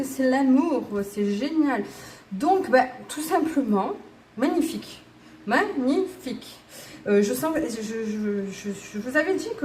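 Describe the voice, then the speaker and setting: A woman's voice: on the high side, darkish tone, a little hiss or hum. A woman giving a casual tarot card guidance reading, bubbly and giggly, rambling with self-mocking asides and chatting straight to her viewers. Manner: lots of fillers and restarts, chatting straight to viewers. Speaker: tarot and oracle card reader.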